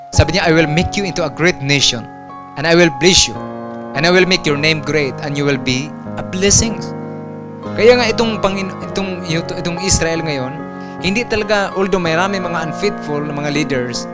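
A male pastor preaching a sermon with rising emphasis, mixing in English phrases. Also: fairly high pitch.

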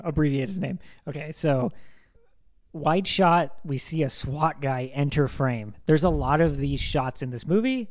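A young man with a slightly high, darkish voice co-hosts a casual film discussion podcast. He's enthusiastic and rambling, packing his sentences with "like."

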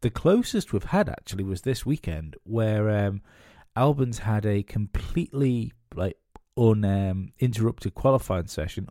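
A podcast host with a lowish, mellow voice rambles casually through his solo show, restarting often and leaning on fillers. He sounds nasal and sniffly from a cold, and the recording is dry and clean, studio-style.

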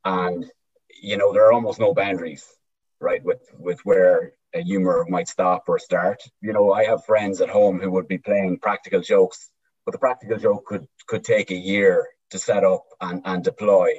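A man with an Irish midlands accent from County Cavan, telling stories conversationally in a husky voice, often circling back over his words. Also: deep voice, fairly even intonation, moderate pace, darkish tone. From County Cavan, Ireland. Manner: hesitant, repeats words, often tags with "right?". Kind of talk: conversational storytelling. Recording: dull lo-fi sound.

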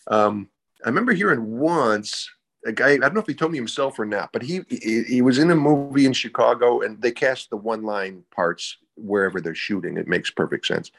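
A man's voice: mid-range voice, expressive, a little fast, creaky, fairly bright tone. A man, an actor guest, telling stories in casual chat, repeating words as he searches for them.

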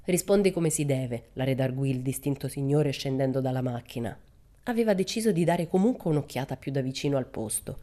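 A woman narrating a children's storybook in a measured, expressive way. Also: extremely low pitch. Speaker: audiobook narrator. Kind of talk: storybook reading.

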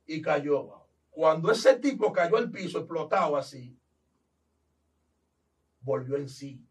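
A Dominican pastor with a Dominican Spanish accent animatedly tells his testimony, acting out the voices of the people in his story. His voice is a little high and his pace is slow. The recording is low quality and picked up from a distance.

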